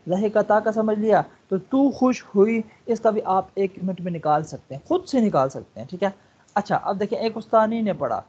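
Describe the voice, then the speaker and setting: A man tutoring a student online, patiently walking through each step and checking in again and again. His voice is mellow and a little husky, and the lesson audio sounds dull and lo-fi. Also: high voice. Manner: coaxing, repeats words and checks understanding. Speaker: online Arabic teacher.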